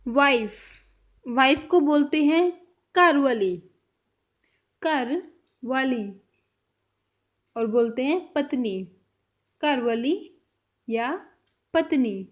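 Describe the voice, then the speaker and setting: A woman with a high voice teaches a language lesson. She speaks in an unhurried way and repeats every word slowly and carefully, as if for beginners. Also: lively intonation. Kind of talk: slow vocabulary lesson.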